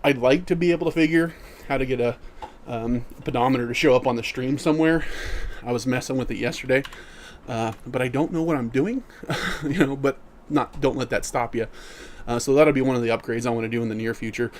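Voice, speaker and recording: A middle-aged man live-streaming, who reads chat aloud and answers it in a relaxed, easygoing way while walking in place. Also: medium pitch, a little fast, slight background noise.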